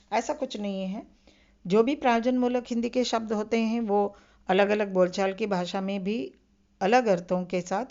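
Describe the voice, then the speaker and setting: A woman's voice: medium pitch, warm tone. Patient woman lecturer, dull lo-fi audio. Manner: patient, repeats key terms with reminders to remember. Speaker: Hindi lecturer. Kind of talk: recorded online lecture.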